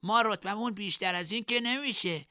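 A man voicing a blunt, excitable young student in an audiobook, talking loud and pushy. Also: sits high, smooth, dry recording, clean studio sound, pitched above the performer's own voice. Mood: persuasive. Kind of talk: audiobook character reading.

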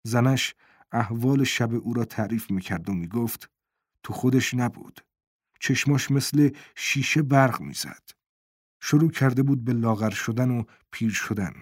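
A man narrating a novel in a steady storytelling voice, recorded close on a studio microphone. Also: medium pitch, no echo. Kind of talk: audiobook narration.

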